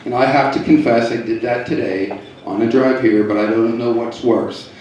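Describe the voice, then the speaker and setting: Comedian in an echoey club, far off. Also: male voice, medium pitch, steady tone, normal speed, darkish tone, lo-fi sound, a little hiss or hum. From Pittsburgh area, US. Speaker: stand-up comedian. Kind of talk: stand-up comedy set.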